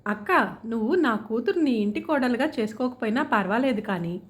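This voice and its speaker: Woman reading a gentle pleading village father. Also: a little high, expressive, moderate pace, lightly acted. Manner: earnest, hesitant pleading.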